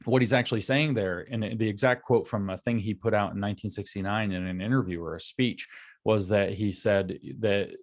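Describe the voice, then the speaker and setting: Low-voiced man explaining at length. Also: steady tone, a little fast. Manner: long run-on explanations linked with "and so". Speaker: guest commentator. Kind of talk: explanatory lecture-style talk. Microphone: video call.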